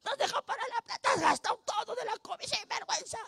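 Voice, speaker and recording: Luchita, a shrill, furious wife, as a preacher puts her on, shrieking insults at her drunk husband from a distance in a high, gravelly voice. The voice sits dry, with no room sound around it. It is an acted figure inside a sermon story. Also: animated, quick pace, pushed and bright, dry recording, exaggerated voice. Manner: shrill scolding from a window.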